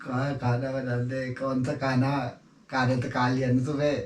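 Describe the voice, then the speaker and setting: A man playing a dazed, childish husband high on bhang, rambling and whining in a home prank. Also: completely flat delivery, close to an everyday voice. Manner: stoned, slow and rambling, fixated on odd details. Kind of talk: prank role-play at home. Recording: distant mic, echoey, noisy home video.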